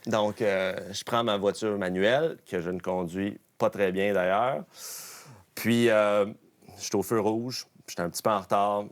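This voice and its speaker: A man with a fairly low voice and a Quebec French accent tells a casual anecdote as a podcast guest. He speaks like a lively storyteller, often stopping mid-phrase to restart and correct himself. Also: measured pace. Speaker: guest, professional golfer.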